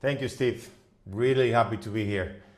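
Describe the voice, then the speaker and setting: A middle-aged man from the Dominican Republic, a business owner guest on a podcast, speaking haltingly with many fillers and restarts. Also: mid-range voice. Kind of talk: podcast interview.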